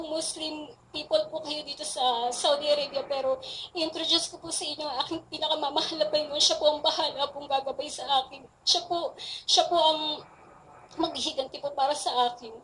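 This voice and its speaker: A woman's voice: high voice, a little hiss or hum, poor audio. A young woman giving a testimony in a large church, earnest and polite, growing fervent. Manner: earnest, grows louder and more fervent; polite, frequent respectful particles. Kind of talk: testimony at a prayer meeting.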